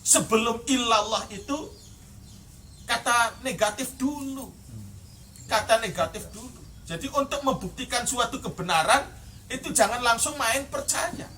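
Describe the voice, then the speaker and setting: A man's voice: extremely high pitch, measured pace, pushed and bright, distant mic, a little hiss or hum. A man with a Javanese accent teaching from a classical Islamic text, reading the Arabic, glossing it word by word in Javanese and then explaining it in Indonesian. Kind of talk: traditional pesantren kitab recitation and explanation.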